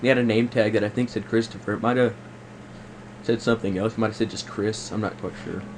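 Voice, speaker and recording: Speaking at a quick pace with a lowish voice and fairly even intonation, a man pretends to be a customer in a prank call. He complains politely, stumbling and going back over the same words. Faint background noise is audible on the recorded call.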